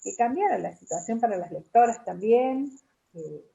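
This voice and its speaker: Woman, author guest, mellow voice, hesitant delivery, lo-fi video-call audio. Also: on the high side, lively intonation, normal speed, creaky. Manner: warm, hesitant with fillers.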